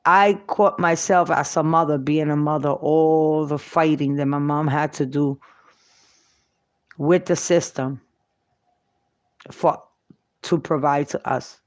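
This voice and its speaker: A woman's voice: sits low, steady tone, slow pace, long pauses, no room sound. A middle-aged woman telling her own life story in an emotional, repetitive testimony driven by faith. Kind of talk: personal testimony monologue. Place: New York.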